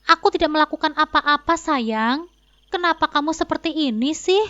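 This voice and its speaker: A woman's voice: high-pitched, moderate pace, a bit bright, dull audio. Woman voicing a lying, defensive husband. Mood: pleading. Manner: pleading denials, turning indignant.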